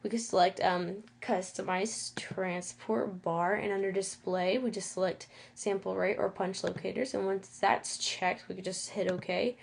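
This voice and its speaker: Female tutorial presenter, medium pitch, lisp with whistly s, informal and halting, mildly self-conscious. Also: steady tone, vocal fry, a little hiss or hum. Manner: halting, self-conscious, checks in with "okay, cool".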